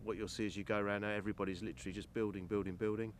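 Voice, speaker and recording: A man who manages a farm, talking loudly and enthusiastically in an outdoor interview, often restarting his sentences. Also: lowish voice, flat delivery, rapid-fire. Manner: enthusiastic, loud, rambling with restarts. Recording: noisy outdoor background.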